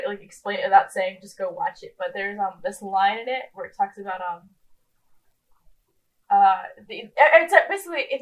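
A woman's voice: medium pitch, low-quality recording. A woman in her twenties co-hosting a podcast in casual chat, rambling with lots of ums and restarts. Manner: rambling, self-deprecating, many ums and restarts. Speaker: podcast co-host.

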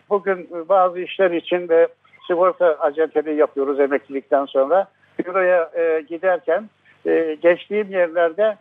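A man in his seventies talks over a landline phone as a radio guest, his voice sitting a little high for a man. The line is thin and tinny, cutting away the fullness of his voice. He speaks slowly and haltingly, filling gaps with pauses as he gathers his words. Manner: slow and halting, many filler pauses. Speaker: guest, father of a jailed lawyer. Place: at home, on the phone.

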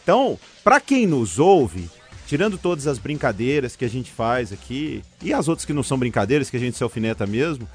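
A man's voice: medium pitch, very animated, brisk, soft background music. A man from chatting casually as a football podcast co-host, informal, blunt and opinionated. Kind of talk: casual sports chat.

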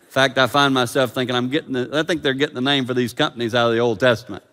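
A man preaching a sermon as pastor, swinging from loud dramatic peaks to hushed quiet. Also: medium pitch, fairly even intonation, racing. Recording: long reverb of a hall.

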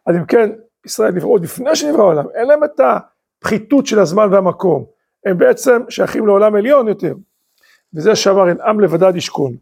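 A man's voice: high voice, animated, creaky, darkish tone, husky. A man, a rabbi, teaching a Torah class, full of rhetorical questions and emphatic rising bursts. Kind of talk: lively Torah lecture.

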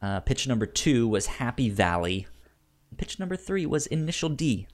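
This podcast co-host, a man on a casual review show, has a stutter that repeats sounds and a halting, easygoing delivery. His voice is mid-range and sing-song.

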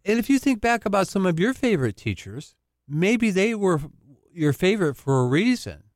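A man's voice: sits high, big pitch swings, moderate pace, no echo, studio quality. A male counselor talking casually on a radio show, explaining and laughing easily. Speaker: family counselor, guest.

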